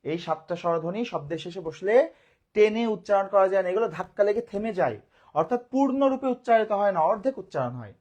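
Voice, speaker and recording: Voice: medium pitch, expressive, fast talker, darkish tone, lo-fi sound. A grammar teacher, giving a live online lesson, who often asks the class a question and answers it, repeating key points.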